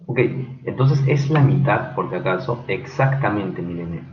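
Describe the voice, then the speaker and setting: A man teaching an online engineering class, halting with many fillers and quizzing students by name. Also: fairly low pitch, lively intonation, roomy sound, muffled recording. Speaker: engineering lecturer.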